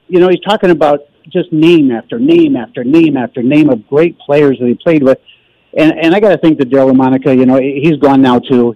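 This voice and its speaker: A man's voice: medium pitch, dry recording. A man calling a sports radio show by phone, talking casually and emphatically with strong opinions. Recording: dull, band-limited phone call.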